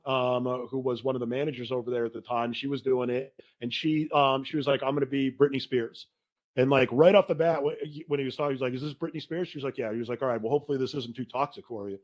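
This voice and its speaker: A man hosting a casual podcast conversation, telling stories in an animated way and saying "dude" a lot. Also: medium pitch.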